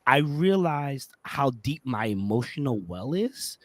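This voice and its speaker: A man's voice: mid-range voice, sing-song, takes it slowly, no echo. A young man hosting a podcast in casual, playful chat, laughing often. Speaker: podcast host.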